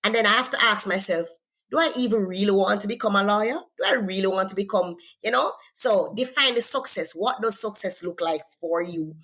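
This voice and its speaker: A Jamaican-accented woman talks a little fast in a mid-range, slightly bright voice. As a guest author in a faith-based interview, she gives earnest, encouraging advice centered on faith, repeating words as she thinks.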